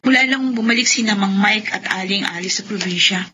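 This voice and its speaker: A woman's voice: medium pitch, fairly quick, sharp tone, lightly acted. An actress playing a perky, modest young Filipino woman in an old-style radio drama. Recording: dull, faintly noisy radio drama recording.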